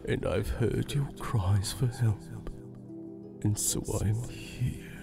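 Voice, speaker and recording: A man voicing a mysterious male spirit who answers wishes, talking in a slow, secretive whisper. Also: lowish voice, vocal fry. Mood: sly. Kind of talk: audio drama acting. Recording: music bed underneath.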